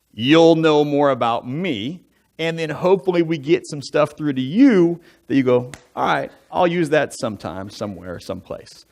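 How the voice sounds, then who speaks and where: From the pulpit of a church sanctuary, a chatty American church elder with a mid-range voice gives a personal testimony about his life. He's conversational and self-deprecating, throwing in asides and joking fun facts.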